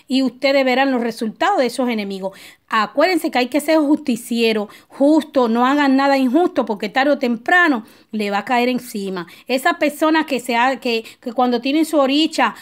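A woman giving casual, preachy spiritual advice, full of tag questions and personal asides that wander off and circle back. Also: sits high. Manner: digressive, with restarts and personal anecdotes. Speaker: spiritual advisor teaching a ritual. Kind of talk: casual spoken advice talk.

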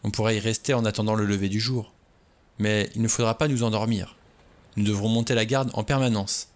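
A man's voice: fairly low pitch, steady tone, brisk, close to an everyday voice. A man voicing a cool, blunt adventurer in an audiobook reading, level and laconic. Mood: calm.

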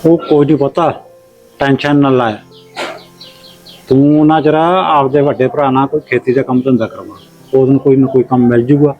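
A man acting a calm young elder brother who soothes his worried family. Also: medium pitch, moderate pace, pauses often, phone-quality sound, faint music behind, close to an everyday voice. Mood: reassuring. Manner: soothing, easygoing. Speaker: actor. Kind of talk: village short film acting.

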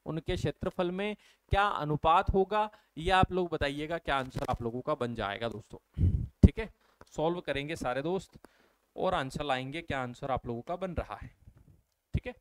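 Man teaching maths, smooth voice. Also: fairly high pitch, moderate pace, no echo. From India. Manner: explains step by step, keeps asking the viewers questions and answering them. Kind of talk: exam-prep maths lesson.

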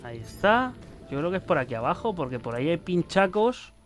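A man with a Spain Spanish accent giving excitable gameplay commentary, swearing and shouting warnings at the screen. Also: on the high side, fairly quick, soft background music. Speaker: gaming youtuber.

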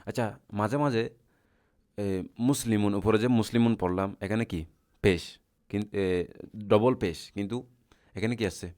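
A man's voice: on the low side, measured pace, pauses often, darkish tone. A man teaching Arabic grammar in a lecture, asking the class questions and answering them himself in a patient, repetitive way.

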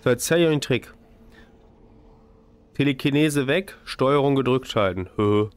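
A man's voice: medium pitch, moderate pace, smooth. A man in his thirties giving colloquial, joking let's play commentary into a close microphone. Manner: joking, colloquial, mock-exasperated. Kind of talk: casual gaming commentary. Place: indoor room at a desk. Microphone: close microphone on boom arm, with headset. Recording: faint game noise behind voice. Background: faint game ambience.

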